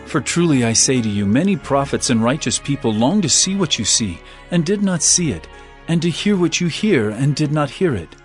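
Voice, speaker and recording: In a dramatized scripture reading, an actor plays an earnest male teacher of parables, his mid-range voice lightly acted. His phrasing is measured, emphatic and declamatory.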